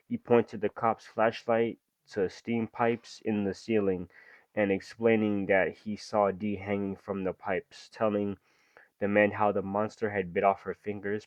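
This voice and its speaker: Low-voiced man reacting with slangy asides. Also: darkish tone, no echo, lo-fi sound. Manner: reads story aloud, then breaks off into slangy asides. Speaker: reaction video host. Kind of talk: casual reaction commentary.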